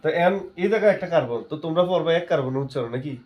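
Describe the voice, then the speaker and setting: A man's voice: fairly high pitch, animated, very fast, darkish tone. A male chemistry teacher, giving a classroom lesson. He keeps asking his students questions and then answers them himself.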